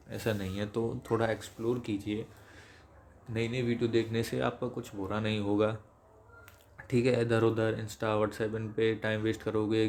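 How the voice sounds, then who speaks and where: A man teaching English vocabulary in a chatty lecture, switching between Hindi and English and slowing down to read English definitions. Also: lowish voice, a little mellow, slight background noise. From India.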